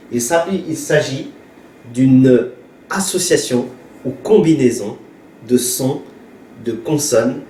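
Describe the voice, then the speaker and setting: A man, a pastor whose first language is Hmong, gives a slow, patient spoken lesson, sounding out consonants one by one with frequent hesitations. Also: mid-range voice, mellow, recorded from a distance, slight background noise. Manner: patient, repeats sounds aloud, hesitant fillers. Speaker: pastor teaching Hmong reading. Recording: roomy echo, voice from afar, faint ambience.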